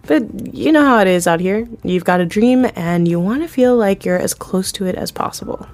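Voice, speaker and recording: Here the actress, in her thirties, voices a self-deprecating TV executive producer as an interview guest in an acted audio drama, open, talkative, and quick to laugh. Her medium-pitched voice is animated and a little mellow, close to an everyday voice, at a moderate pace. There's no room sound, just faint music behind.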